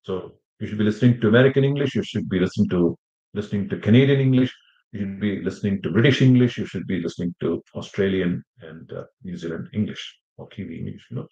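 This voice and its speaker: A man with a fairly low voice gives an informal lesson, rambling a little and dropping in "you know" asides. The sound is roomy and echoey, and the audio is a bit dull and muffled. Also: quick pace, mellow. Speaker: IELTS teacher. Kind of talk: informal lecture to students.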